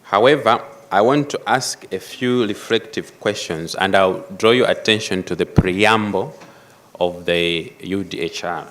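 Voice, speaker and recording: A man delivers a formal conference address in a somewhat low voice. He speaks in a measured way, pausing to stress key phrases with deliberate emphasis. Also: a bit bright. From Malawi. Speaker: panel speaker.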